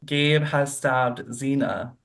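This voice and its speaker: A man's voice: medium pitch, fairly even intonation, slow, fairly bright tone. A man hosting an online game show over a video call, announcing results with an upbeat, giggly manner.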